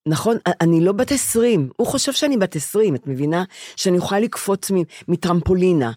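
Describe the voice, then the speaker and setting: An older woman co-hosting a podcast chats casually in a fairly low, animated, slightly mellow voice, recorded with studio quality and no room sound. She tells her stories emphatically and tends to repeat herself.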